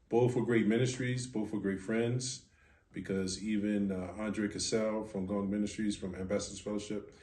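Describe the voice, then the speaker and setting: In an echoey room, a man in his fifties from Philadelphia, United States, shares personal stories as a podcast guest and board president of a ministry. His American-accented voice is lowish and a little mellow, and he reflects carefully, pausing deliberately between thoughts.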